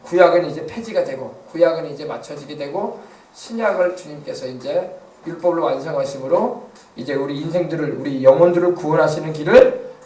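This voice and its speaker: A man pastor preaching a sermon, emphatic, swinging between hushed passages and loud exclamations. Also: fairly high pitch, a little fast. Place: church sanctuary. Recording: echoey church sound from a distance.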